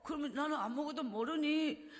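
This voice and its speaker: A woman evangelist preaches at a revival, telling her story with strong feeling and often sinking to hushed, breathy tones. Her voice sits high. A long reverb from the church hall hangs on every phrase. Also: moderate pace. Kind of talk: revival sermon testimony.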